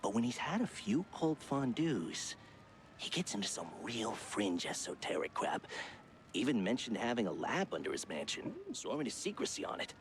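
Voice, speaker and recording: An actor playing an evasive, excitable male mouse stage designer in a cartoon game. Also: medium pitch, normal speed, a little hiss or hum, lightly acted.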